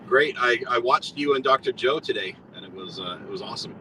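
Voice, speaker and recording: Guy calling in on car speakerphone while driving, sharp bright voice, sounds kinda far off. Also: mid-range voice, fairly quick. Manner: good-natured and chatty. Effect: hands-free car speakerphone call. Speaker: guest. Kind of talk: casual chat. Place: in a moving car on a long drive. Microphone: hands-free car phone. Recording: distant speakerphone with road noise.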